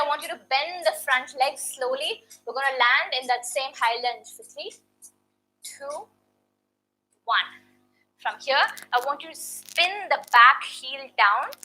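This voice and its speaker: A woman's voice: high voice, bright, forceful tone, a little hiss or hum, rough recording. A woman teaching a guided yoga class, counting reps and checking in often, a little out of breath. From India.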